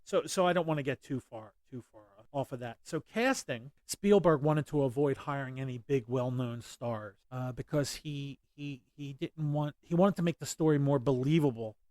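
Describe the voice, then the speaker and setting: A man's voice: medium pitch, normal speed, few pauses, a little mellow, no echo. A man hosting a casual movie commentary, rambling with many fillers and restarts. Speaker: podcast host.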